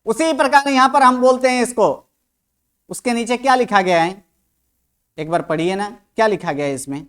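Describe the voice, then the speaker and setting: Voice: medium pitch, normal speed, fairly bright tone, clear, resonant tone. A teacher giving an online language lesson, who keeps asking the class questions and repeats each sound aloud to drill pronunciation.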